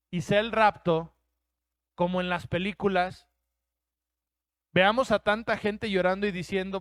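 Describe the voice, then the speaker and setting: A man's voice: sits high, no room sound, clean studio sound. A man with a Mexican Spanish accent preaching a sermon as pastor, emphatic, acting out quoted voices.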